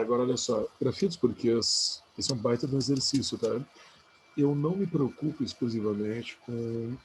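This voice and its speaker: A man's voice: mid-range voice, darkish tone, a little hiss or hum, poor audio. A man giving a casual spelling review lesson, chatty and coaxing, often checking in with the listener. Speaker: Portuguese teacher.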